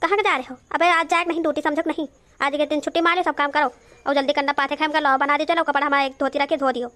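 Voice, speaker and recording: A woman voicing a sharp-tongued, bossy old mother in a cartoon, scolding in an Awadhi accent. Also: sits high, flat delivery, racing. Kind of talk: cartoon voice acting.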